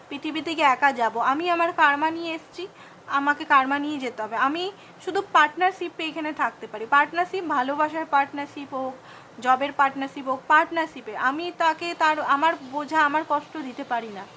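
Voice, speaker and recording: High-pitched bengali woman doing a tarot reading, talks fast, faint hiss behind. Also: bright, forceful tone, poor audio. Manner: rapid, repetitive, mixes English words. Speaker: tarot card reader.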